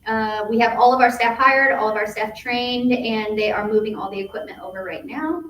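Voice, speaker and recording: A woman reports cheerfully on camps and youth programs at a public board meeting, dotting her talk with fillers. Her fairly high voice comes from a distance in an echoey meeting room with faint background noise. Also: moderate pace, a bit bright. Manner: upbeat, filler-heavy report. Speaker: youth services staff presenter.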